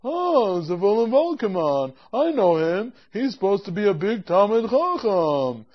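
A patient, agreeable small-town baker, as an actor plays him, calmly going along with every fussy request. He talks slowly, at an unhurried middling pitch, and the recording sounds dull and lo-fi. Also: husky. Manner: agreeable, keeps saying no problem. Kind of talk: amateur comic storytelling skit.

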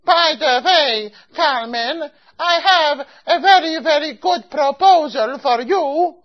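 A picky, insistent old matchmaker lady, as a woman acts her out, talking in broken English peppered with Yiddish words and circling back on herself. The voice sits high, and the recording is dull and lo-fi, like a homemade comic story skit. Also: slow. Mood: fussy. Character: fussy older woman customer and matchmaker.

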